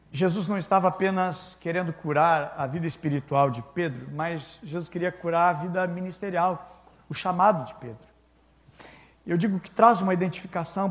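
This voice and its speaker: A man preaching a sermon as pastor at a church service, earnest, rising loud on key points and dropping soft on quoted words. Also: high-pitched.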